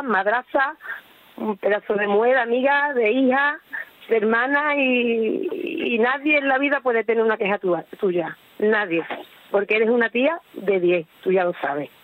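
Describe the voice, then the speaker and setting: A woman's voice: mid-range voice, dry recording. A woman on a live radio phone call, talking to her sister in an earthy, slangy, affectionate way. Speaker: radio show guest calling her sister. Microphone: telephone. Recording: tinny dry phone line.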